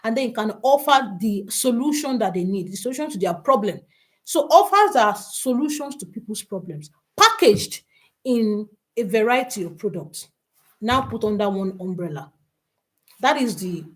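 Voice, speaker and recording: A woman's voice: medium pitch, animated, moderate pace. A woman, hosting a live online workshop, chatty and laughing often as she greets viewers by name. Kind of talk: live online teaching session.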